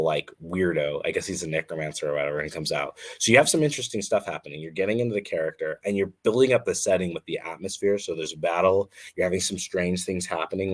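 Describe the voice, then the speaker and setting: Male writing coach, very low voice, chatty and informal critique. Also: slightly rough. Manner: casual, chatty, frequent "like". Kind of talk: reading aloud and critiquing a reader's story.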